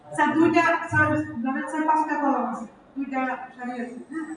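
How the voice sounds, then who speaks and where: A woman's voice: high-pitched, steady tone, fast. A woman student in a class asking the teacher a question from across the room. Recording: distant, echoey, faint room noise.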